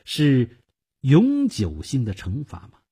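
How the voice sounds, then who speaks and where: A man voicing a wary, practical hired gunman who speaks in a terse, grudging way, with a husky voice. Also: medium pitch, wildly swooping pitch, slow, dark tone, heavily acted.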